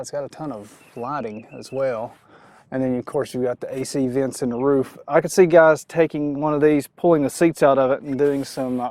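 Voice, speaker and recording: A man giving a casual, chatty walkaround review of a vehicle, relaxed and full of fillers. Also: a little high, no room sound. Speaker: car reviewer.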